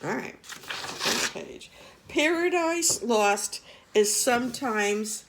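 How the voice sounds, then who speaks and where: A woman's voice: fairly high pitch, animated, slow pace, a little hiss or hum, rough recording. A woman reading a picture book aloud to young children, adding chatty asides to the children. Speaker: storybook reader.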